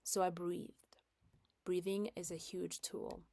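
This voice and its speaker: A woman's voice: lowish voice, little pitch movement, takes it slowly, warm tone, no room sound. A woman in her thirties speaking casually about parenting, with many fillers and acted-out quotes. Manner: conversational with fillers, acts out quoted lines. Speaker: parenting educator. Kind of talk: casual talk.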